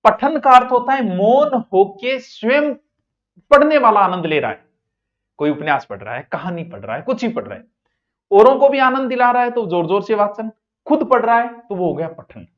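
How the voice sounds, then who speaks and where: High-voiced male teacher, jokey and dynamic, captured on dull lo-fi classroom audio. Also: moderate pace. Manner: lively, jokey, swings between loud and soft. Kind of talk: exam coaching lecture.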